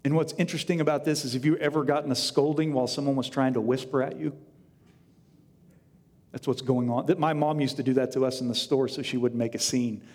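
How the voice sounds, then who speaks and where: A man preaching a sermon, telling the story with humor and lively storytelling, at times dropping to a hush. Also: medium pitch, brisk, husky, long reverb tail. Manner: animated, humorous storytelling with sudden hushed drops. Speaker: pastor.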